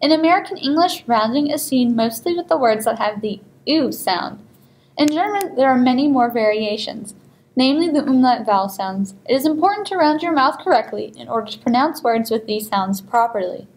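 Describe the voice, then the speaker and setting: Clear measured female language teacher. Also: sits high, expressive. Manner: clear, measured instructional reading. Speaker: language instructor. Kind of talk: scripted pronunciation lesson.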